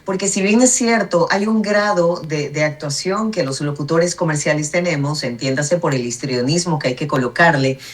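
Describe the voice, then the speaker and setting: A woman with a lower-than-usual contralto voice. She is a voice-over artist and announcer, talking through her craft on a radio show in a thoughtful, explanatory way, with fillers and restarts. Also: normal speed, few pauses. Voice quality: low contralto voice. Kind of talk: radio interview conversation.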